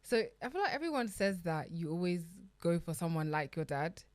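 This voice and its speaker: A woman's voice: fairly low pitch, big pitch swings, a little fast, dry recording. A young woman talking casually on a podcast, chatty and full of fillers, laughing often. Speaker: podcast guest.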